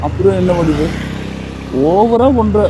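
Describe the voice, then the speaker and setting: A man's voice: high-pitched, unhurried, noisy background. A man voicing a protective young hero in a cartoon, teasing and firm in turn. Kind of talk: cartoon voice acting.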